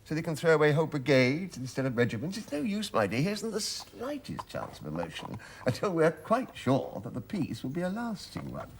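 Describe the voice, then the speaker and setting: A man's voice: a little high, wildly swooping pitch, a little fast, few pauses, a little hiss or hum. An actor playing a genial, blustering middle-aged army major who chuckles as he talks. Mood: dismissive. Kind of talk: stage play acting.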